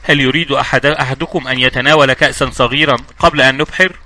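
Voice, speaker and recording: Man putting on a hearty sturdy guy, playing host, fast and bright. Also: mid-range voice, fairly even intonation, dry recording. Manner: hearty, hospitable.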